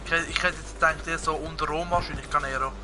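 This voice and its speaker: With music playing behind him, a young gaming streamer talks at a quick pace in a slightly high voice with fairly even intonation. Swiss German and Italian are his first languages, and in his Swiss German accent he rambles casually to viewers, packed with fillers.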